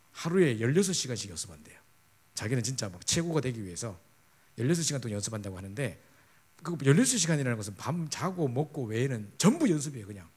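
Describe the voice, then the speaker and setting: Middle-aged pastor guy preaching fast, husky voice, keeps asking the crowd "right?". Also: medium pitch, darkish tone. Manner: emphatic, repeatedly asks the audience for agreement. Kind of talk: sermon.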